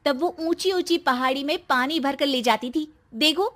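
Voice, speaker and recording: A woman voicing a bossy, sharp-tongued young wife who scolds loudly and mocks her husband. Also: high voice, moderate pace, voice pushed up. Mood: scolding. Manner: loud, scolding, sarcastic. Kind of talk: storybook voice acting.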